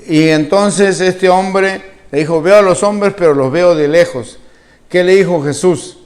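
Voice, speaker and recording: A Venezuelan man preaching a sermon with a fairly high voice, telling the story with animation. He puts questions to the congregation and acts out each speaker's words with a changing voice. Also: unhurried, a little mellow. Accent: Venezuelan Spanish. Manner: acts out the quoted speakers with a shifting voice. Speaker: pastor.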